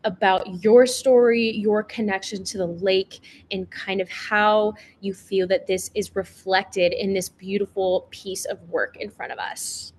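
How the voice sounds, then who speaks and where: A woman's voice: medium pitch, steady tone, measured pace, few pauses, darkish tone. A woman moderating a virtual panel discussion over a video call, upbeat and full of fillers as she invites guests to speak.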